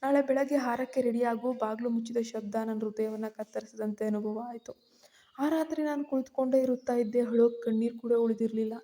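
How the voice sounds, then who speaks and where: A woman's voice: on the high side, fairly even intonation, brisk, warm tone. A woman narrating a suspense story in the first person, with tense, fearful storytelling.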